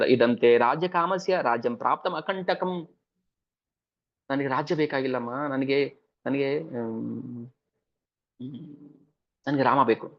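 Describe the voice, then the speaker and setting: A man's voice: mid-range voice, creaky, dull audio. A man voicing a grieving young prince who earnestly pleads with his mother.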